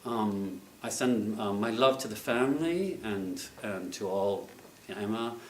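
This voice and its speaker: Man, lower voice, halting memorial tribute, lots of ums, far from the mic in an echoey room. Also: a little hiss or hum. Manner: hesitant, many fillers, soft-spoken. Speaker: speaker at a memorial reception. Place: museum reception room.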